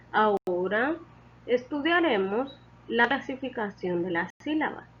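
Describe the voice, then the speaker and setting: Female teacher, deliberate and patient, husky tone, muffled lo-fi sound. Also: mid-range voice, a bit bright. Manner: deliberate, patient, repeats key points. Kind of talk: slow explanatory lesson.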